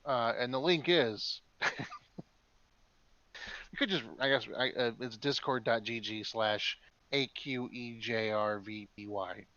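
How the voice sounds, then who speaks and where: A man's voice: mid-range voice, takes it slowly, long pauses, sharp tone, no echo, lo-fi sound. A man co-hosting a podcast in casual chat, rambling and making jokes. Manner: rambling, joking. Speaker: podcast co-host.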